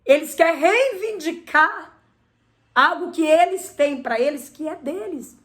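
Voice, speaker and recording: A woman's voice: high voice, animated, measured pace, a bit bright. A woman with a Brazilian Portuguese accent preaching a sermon. She speaks emphatically and keeps asking rhetorical questions, then answering them herself.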